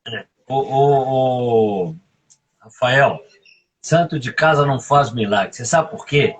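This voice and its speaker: Appearing as a guest in a live interview, a man gives emphatic, coaching-style leadership advice and is fond of tag questions, often asking "right?". His voice is mid-range and his pace slow.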